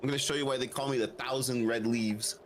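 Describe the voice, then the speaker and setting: A man's voice: medium pitch, steady tone, fast talker, a little hiss or hum. A man chatting casually with a friend on stream, teasing playfully and making mock threats. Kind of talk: casual chat.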